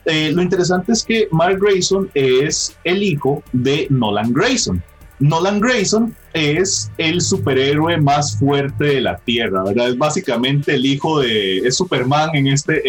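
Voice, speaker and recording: A man's voice: fairly high pitch, expressive, measured pace, slightly rough, soft background music. A man hosting a casual pop-culture chat, explaining at length with frequent tag questions and fillers. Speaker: podcast host.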